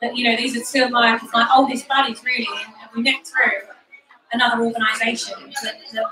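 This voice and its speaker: A woman with a Cockney accent giving a lively, candid motivational talk at an event. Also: on the high side, brisk, faint music behind. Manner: lively, candid, swears casually. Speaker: speaker at an event. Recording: echoey room from far off.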